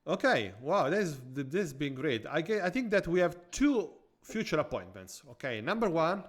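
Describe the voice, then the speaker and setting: Man, Italian accent, podcast host, joking, casual chat, drops into soft asides. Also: on the high side, moderate pace. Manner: jokey, animated, trails off into quiet asides.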